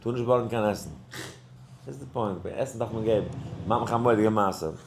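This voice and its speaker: A rabbi giving a Torah class, telling a story and acting out its dialogue, halting with many restarts and mixing in English words. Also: male voice, gravelly, reverberant, a little hiss or hum. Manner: animated, acts out dialogue in the story with sudden high pitch jumps; mixes English words into Yiddish speech.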